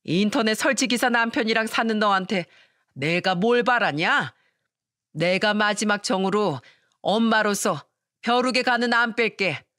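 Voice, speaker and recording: A woman's voice: medium pitch, a little slow, a bit bright, no room sound, clean studio sound, natural voice. A woman voicing a shameless, scornful middle-aged mother-in-law in a storytelling radio reading. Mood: defiant. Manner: scornful, defiant.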